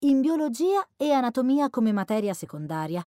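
A woman's voice: high voice, sing-song, normal speed, dark tone, no echo, studio quality, pitched above the performer's own voice. A woman voicing a self-assured, friendly young male college student in an audiobook reading, talking chattily. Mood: friendly confident.

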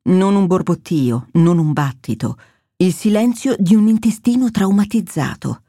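A woman narrating a medical thriller in a measured, steady storytelling voice, close to the mic. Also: lowish voice, dry recording. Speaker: audiobook narrator. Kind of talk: scripted narration.

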